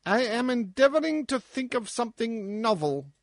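A man voicing a bewildered, tipsy male dwarf jester who answers in a halting, dazed way. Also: very high-pitched, big pitch swings, creaky, dry recording, studio quality, voice pushed up, full character voice.

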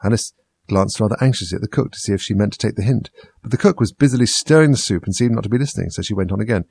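A man narrating a storybook in a lively, expressive reading. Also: lowish voice, rapid-fire, gravelly, slightly rough, no echo.

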